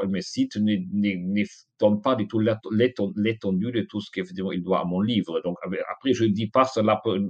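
Male guest author, halting and repetitive delivery, lowish voice, close dry mic. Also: darkish tone, no room sound. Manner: hesitant, restarts words often. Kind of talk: interview answers.

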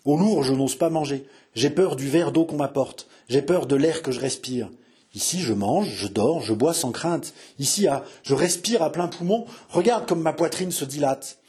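A tormented young king in a read-aloud novel, as a man acts him out, his husky, breathy voice full of dread. His pleading turns into shrill, raving cries about plots against him. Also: moderate pace. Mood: tender, bitter. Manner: rises to frantic high shouting.

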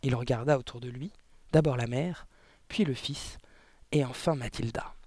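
A reader doing expressive audiobook narration of a children's novel. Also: medium pitch, normal speed, dry recording, studio quality. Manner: expressive storytelling.

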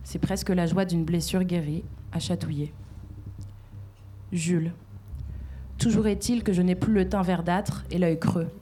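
Woman reading a literary text, mellow. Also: on the low side, steady tone. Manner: measured, refrain-like recitation.

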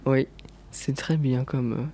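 A woman's voice: a bass voice, steady tone, takes it slowly, mellow, slightly rough. A woman radio host closing the show in easygoing chat, laughing often. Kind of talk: casual show sign-off chat.

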